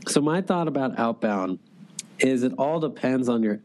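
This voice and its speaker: A man guesting as a sales executive in a relaxed interview speaks at a moderate pace in an expressive, medium-pitched voice with a darkish tone. He talks loosely, leaning on "like" and other fillers and restarting sentences frequently.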